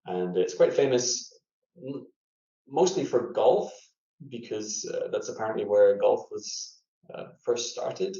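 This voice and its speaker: Speaking slowly and expressively, a man from Scotland with a warm, low-leaning voice recounts his story as a scientist guest in a relaxed interview. He pauses to think, using many fillers and restarts, and the audio is lo-fi and dull in an echoey room.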